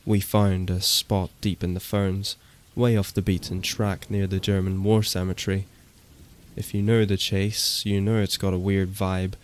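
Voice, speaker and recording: A man reads a horror story in a very deep voice. His delivery is slow and steady. He keeps his pitch flat and unhurried throughout. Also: a little hiss or hum. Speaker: narrator. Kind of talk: scripted horror narration.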